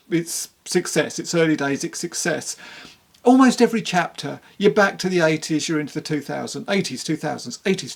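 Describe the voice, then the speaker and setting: A creaky, medium-pitched voice delivers an informal book review straight to camera. The speaker is candid and conversational, tending to ramble.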